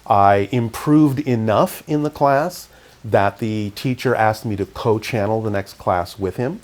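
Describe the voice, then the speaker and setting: Speaking as an interview guest, a middle-aged man tells reflective stories about his life in a calm, low-key, measured way. He comes from Canada and grew up in California.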